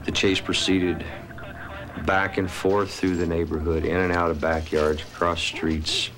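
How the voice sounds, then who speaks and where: A man's voice: deep voice, little pitch movement, a little slow. A man in a TV interview recounting an incident he handled as an officer. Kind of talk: interview recollection. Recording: music under the voice. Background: music.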